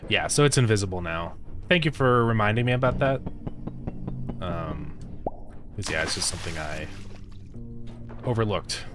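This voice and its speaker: Low-voiced man chatting through a coding stream. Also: normal speed, pauses often, music in the background. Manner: relaxed, thinks aloud, answers chat with fillers. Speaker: indie game developer streaming. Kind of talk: casual live-stream chat while coding.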